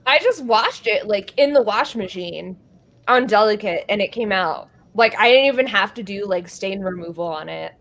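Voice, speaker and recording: A woman in casual chat with friends who softens her R's toward W, playfully defensive with girlish slang. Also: mid-range voice, animated, moderate pace. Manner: does not pronounce R's properly, softened like W.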